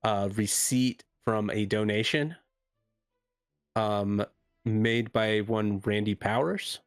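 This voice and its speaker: A man's voice: lowish voice, clean tone, dry recording, clean studio sound, faint music behind. Hesitant man running a tabletop game. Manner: hesitant, halting. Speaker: game master of a tabletop role-playing game. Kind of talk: improvised narration and in-character dialogue.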